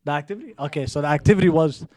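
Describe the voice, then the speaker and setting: A man co-hosting a podcast, telling a story in an easy, relaxed way. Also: on the high side, racing. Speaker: podcast co-host, camp facilitator. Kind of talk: casual podcast chat.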